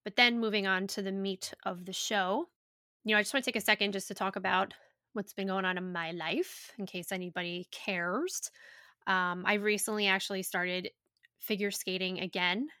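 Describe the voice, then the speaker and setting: A woman hosting a casual podcast, chatty and profane, her voice a little raspy. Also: medium pitch, fairly even intonation, normal speed, bright, forceful tone, no room sound, clean studio sound. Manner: chatty, loose and profane, with many likes. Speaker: podcast host and yoga teacher. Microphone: home podcast microphone.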